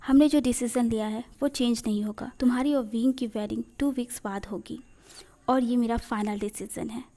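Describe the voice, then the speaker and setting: A woman's voice: fairly high pitch, steady tone, moderate pace, mellow, lightly acted. Woman reading as a strict insistent mother. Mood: stern.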